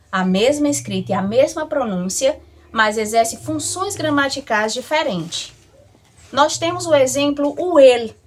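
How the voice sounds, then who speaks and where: A woman with a Brazilian Portuguese accent teaching a language lesson, explaining slowly and carefully and drawing out the example words. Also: high-pitched. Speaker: Spanish teacher. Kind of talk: classroom lesson.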